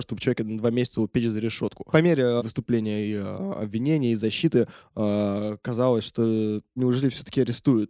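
A man's voice: mid-range voice, warm tone, no echo, clean studio sound. A man, a correspondent, recounting events in casual talk, hesitant with many filler sounds and restarts. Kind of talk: casual spoken recollection.

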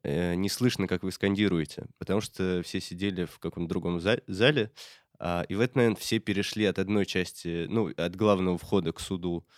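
A man, a reporter, recounting events in casual talk, halting with frequent filler sounds. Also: sits low, no room sound, studio quality. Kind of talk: casual spoken recollection.

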